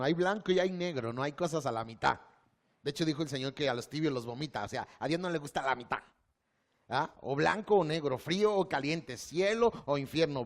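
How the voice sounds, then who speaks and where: A man with a Mexican Spanish accent preaching a sermon, asking his listeners questions and leading them in a quiet prayer. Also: fairly high pitch. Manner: asks the congregation questions, acts out quotes, ends in a quiet guided prayer. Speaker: pastor.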